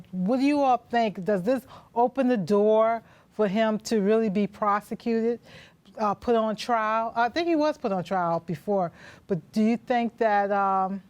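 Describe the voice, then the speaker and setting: A woman's voice: medium pitch, darkish tone. A woman hosting a live community TV talk show from a studio, talking casually and inviting callers.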